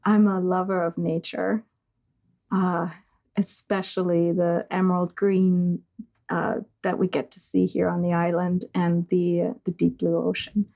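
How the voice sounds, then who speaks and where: A middle-aged woman from what was once East Germany speaks as an interview guest in a reflective conversation, slow and hesitant, searching for words with frequent fillers and pauses. Her voice is mellow and dark with a gravelly fry, and its pitch stays flat and even.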